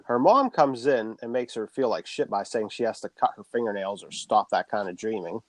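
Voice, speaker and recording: A man's voice: on the low side, expressive, brisk. A man co-hosting a podcast, casually recapping a horror film plot and swearing freely.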